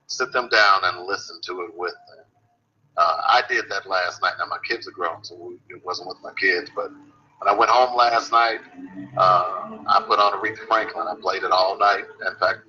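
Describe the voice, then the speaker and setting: Measured, lower-voiced man co-host. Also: fairly even intonation, pushed and bright. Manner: measured, advising. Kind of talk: casual radio chat. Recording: dull lo-fi livestream audio with faint hiss.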